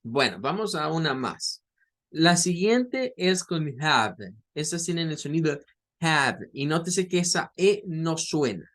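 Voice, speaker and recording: Male teacher, higher voice, patient, repeats himself, slow drawn-out examples. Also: big pitch swings, a bit bright. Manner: explains slowly, models English words in drawn-out demonstrations; patient, repeats words and restarts phrases often. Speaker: English teacher. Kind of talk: recorded online lesson.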